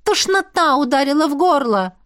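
A woman narrating a first-person fantasy story with dramatic delivery, dropping to a hush and rising to cries. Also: high voice, expressive, moderate pace, dry recording, studio quality. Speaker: audiobook narrator.

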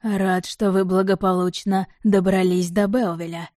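An ancient wolf spirit rumbles each slow word with grave command, as a woman puts him on. The voice is mellow and dark, recorded dry and close. The audiobook reading stays measured and solemn. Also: little pitch movement, dry recording, lightly acted. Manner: slow, low rumbling delivery. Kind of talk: audiobook character voice.

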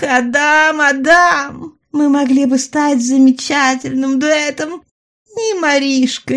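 A woman's voice: high voice, voice pushed up, exaggerated voice. A woman voicing a taunting young sorceress villain who cackles and teases in a sing-song way. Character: mocking, shrill young female sorceress villain.

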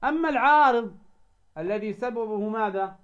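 A man's voice: sits high, moderate pace. A man teaching the rules of Quran recitation, explaining a rhymed poem line by line and asking questions that he answers himself. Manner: asks "what?" and answers it himself, drawing out quoted verses. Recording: dull lo-fi sound.

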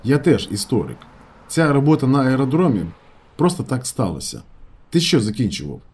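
A man's voice: medium pitch, very animated, brisk, darkish tone, husky. A man voicing a pushy, eccentric middle-aged airfield mechanic who talks insistently and conspiratorially.

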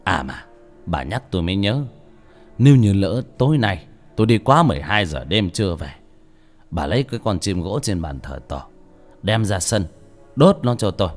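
A man voicing a resolute old exorcist who speaks in a grave, calm, resigned way, in an audiobook. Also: deep voice, moderate pace, faint music behind.

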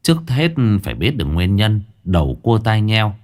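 A man telling a ghost story with a low voice and lively, expressive colloquial delivery. His pitch rises and falls freely as he drives the tale along. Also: moderate pace.

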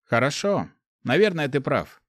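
An earnest young adventurer who asks polite, slightly hesitant questions, as a male narrator voices him. His tone sits a bit higher than the reader's usual voice. The recording is close and dry. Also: sing-song, a little slow, a bit bright, dry recording.

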